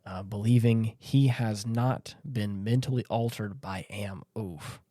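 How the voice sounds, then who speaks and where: A male podcast host discusses a story casually, conversational and earnest, emphatically repeating phrases for stress. His voice is on the low side, slow and dark in tone, in a dry recording with no room sound.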